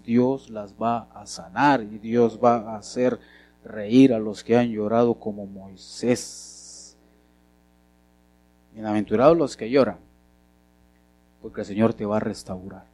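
A man preaches a sermon at a mid pitch. He keeps putting questions to the congregation and moves between loud and soft as he builds his points. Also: no echo. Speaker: pastor.

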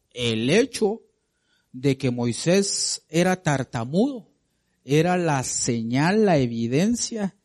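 A man preaching a sermon to a congregation, calling them brother and sister, asking them questions, swinging between loud climbs and soft drops. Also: mid-range voice. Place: church congregation.

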